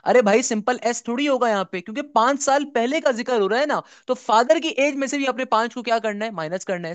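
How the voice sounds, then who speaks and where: A man's voice: extremely high pitch, a bit bright, clear, resonant tone, no echo. A young man, tutoring for an entrance exam, walking through each step and answering his own questions. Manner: explains step by step, asks and answers his own questions, calls students son. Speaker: math tutor. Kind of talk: exam-prep math lecture.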